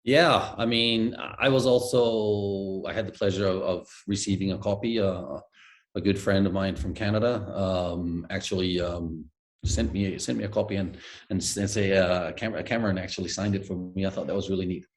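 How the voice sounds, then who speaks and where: A low, fairly evenly intoned voice at a moderate pace belongs to a middle-aged Danish man telling stories as a guest. He's on a video call webcam in a room at home, reflective and hesitant, leaning on many fillers.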